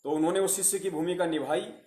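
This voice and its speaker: Male preacher, earnest repetitive delivery, fairly high voice, roomy echo. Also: fast, darkish tone. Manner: earnest, repetitive, addresses listeners as virtuous souls. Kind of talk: devotional sermon.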